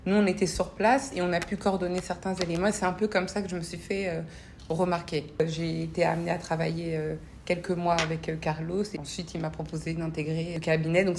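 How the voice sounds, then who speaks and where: An interview guest with a low, darkish voice, a parliamentary assistant and association founder who grew up between French and Congolese cultures, answers reflectively, earnest and searching, frequently repeating words. A faint hiss or hum is present.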